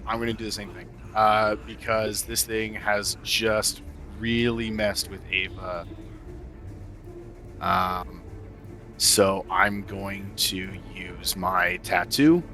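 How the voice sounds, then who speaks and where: A man playing a tabletop game, describing his actions slowly with drawn-out fillers. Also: sits low, bright, forceful tone. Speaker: player.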